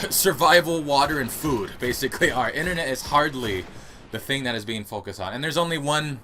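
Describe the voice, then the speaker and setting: Speaking briskly in a bright, forceful, mid-range voice, a young American YouTube gaming host chats through a casual Q&A monologue. He rambles and laughs, and the home recording carries slight background noise.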